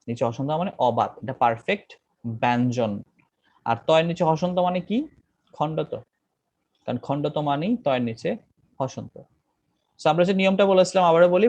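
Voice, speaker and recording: Gravelly man teaching grammar. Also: mid-range voice, a little mellow, no echo. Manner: repeats rules over and over, asks questions to the class. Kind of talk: classroom grammar lesson. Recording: dry, dull lo-fi recording.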